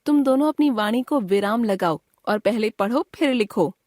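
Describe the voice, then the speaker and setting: A woman teacher reading a scripted grammar lesson in a clear, measured way. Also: a little high, expressive, a little mellow, no room sound, clean studio sound. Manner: clear, measured classroom explanation.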